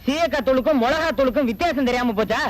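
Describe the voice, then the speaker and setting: A woman's voice: sits high, rapid-fire, lightly acted, low-quality recording. Patient chiding village mother, played by an actress. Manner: calm, chiding. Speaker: the girl's mother. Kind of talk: Tamil film acting.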